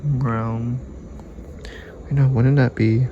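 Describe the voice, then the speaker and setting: The recording is muffled, and the man speaks extremely slowly in a steady, medium-pitched voice. A hobbyist radio repairer, he mutters and muses to himself with casual swearing as he films his work on a noisy home video.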